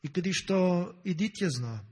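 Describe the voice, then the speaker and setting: A man preaching a sermon in a relaxed, conversational way, with many fillers and restarts, often checking in with his listeners. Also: sits high, breathy edge, long reverb tail. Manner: asks the congregation "ne?".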